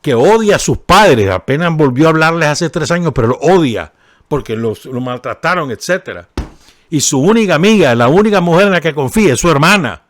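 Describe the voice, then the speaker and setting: A Nicaraguan-accented man comments on a column over the radio, his fairly high voice lively in intonation and a little fast. The studio sound has no echo. He chats with his listeners, asks whether they agree and throws in ironic asides as he reads.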